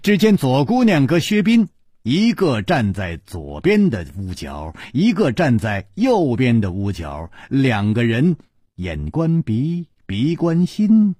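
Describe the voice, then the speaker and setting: A man telling a martial arts tale in dramatic long-form storytelling style, swooping and deliberate. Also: mid-range voice, huge pitch swings, warm tone, no room sound, clean studio sound.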